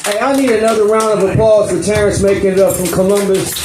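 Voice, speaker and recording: A man's voice: high voice, fairly even intonation, quick pace. A man hosting a comedy show, hyping the crowd and introducing the next act. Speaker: show host. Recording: echoey club mic with crowd and noise.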